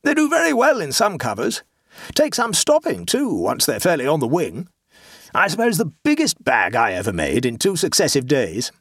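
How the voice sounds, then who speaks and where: A man's voice: on the high side, huge pitch swings, normal speed, fairly bright tone, slightly rough, dry recording, studio quality, voice pushed up, exaggerated voice. A man voicing a pushy, boastful male clubman who blusters eagerly about his own feats.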